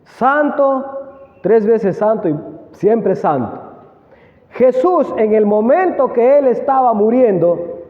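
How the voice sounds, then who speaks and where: A man preaching a sermon, reading scripture slowly and asking the congregation questions. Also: very high-pitched, lively intonation. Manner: asks the congregation questions, slow emphatic reading. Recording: echoey hall, tinny phone-like sound.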